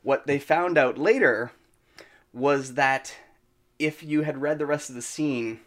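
A man co-hosting an indie film podcast, telling an anecdote in a halting way and often repeating words. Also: medium pitch, a bit bright. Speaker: podcast co-host. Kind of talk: casual chat.

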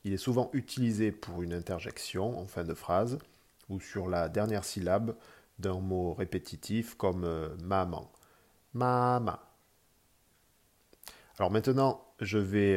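A podcast host gives a spoken language lesson on Mandarin tones, patiently explaining pronunciation with frequent hesitations. His voice is low and a little mellow.

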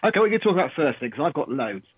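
A man's voice: fairly high pitch, very fast, husky, no echo. Man on a thin phone-like line. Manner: chatty and excitable, talks over others. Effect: thin phone-like line through a Bluetooth headset. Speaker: Formula One correspondent. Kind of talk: casual chat. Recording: thin, muffled call line, dry.

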